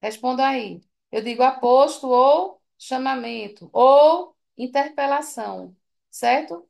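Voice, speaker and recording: Woman teacher, tired, high gravelly voice, chatty exam walkthrough. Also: measured pace. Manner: chatty, asks students for confirmation. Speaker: Portuguese teacher. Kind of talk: exam correction lesson.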